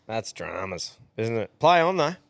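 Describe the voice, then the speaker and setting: A man's voice: on the low side, sing-song, measured pace, gravelly, a bit bright, dry recording. A man with a broad Australian accent hosting a casual chat, laid-back, slangy and sweary. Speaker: podcast host.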